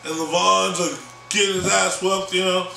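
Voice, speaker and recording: A man's voice: high voice, little pitch movement, moderate pace, vocal fry, pushed and bright, reverberant, far from the mic, a little hiss or hum, poor audio. A man telling a comic street story in slangy speech, laughing often as he goes.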